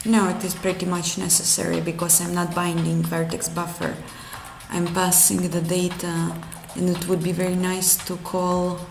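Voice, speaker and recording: Thinking aloud as she codes on stream, a female game engine developer from Russia answers chat in broken, self-correcting English with a Russian accent. Her voice is lowish and gravelly, carrying a little hiss or hum, recorded in a roomy space with music in the background.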